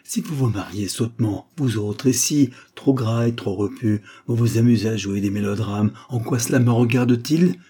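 A man's voice: medium pitch, normal speed, hardly any pauses, warm tone, husky, lightly acted. A man voicing a bitter, grieving male doctor who lashes out indignantly, hammering each word. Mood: furious, contemptuous.

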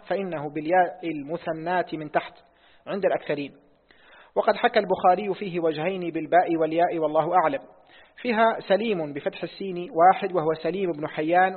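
Fast, high-voiced man reading a text. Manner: reads quickly, repeats lines on request. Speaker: student reading the text aloud. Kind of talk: reading a hadith text in class. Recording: tinny phone-like audio in a reverberant hall.

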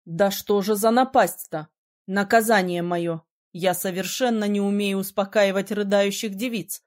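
A woman voicing a brooding, sharp-tongued young male mage in an audiobook, teasing and gruff by turns. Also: medium pitch, steady tone, measured pace, natural voice. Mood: exasperated. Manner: teasing, then gruff and commanding. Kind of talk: audiobook character reading.

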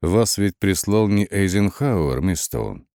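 A man reading the lines of a wealthy, brilliant male artist in an audiobook, speaking slowly and coolly with measured questions. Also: deep voice, animated, creaky, warm tone, no room sound, studio quality, heavily acted. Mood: cool, probing. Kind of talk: audiobook character voice.

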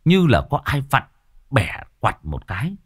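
A man narrating a ghost story in an expressive, dramatic way. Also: mid-range voice, a little slow, husky, no room sound, clean studio sound.

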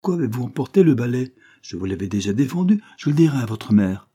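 A man's voice: mid-range voice, lively intonation, a little fast, mellow, husky, pitched above the performer's own voice. A man voicing a blunt, harsh woman servant who scolds brusquely. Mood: scolding.

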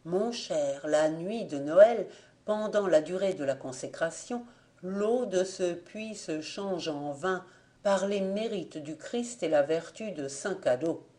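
A woman reading the part of a sly, ironic old blind man, speaking calmly with quiet irony. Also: lowish voice, slow pace. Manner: calm, gently ironic.

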